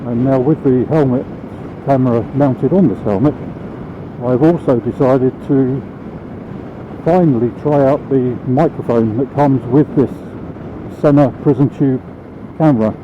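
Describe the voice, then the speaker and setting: A British man vlogs casually while riding a motorbike, speaking through a small microphone mounted inside his helmet. The phone-like audio carries clear vehicle and road noise, and his mid-range voice moves a little slowly.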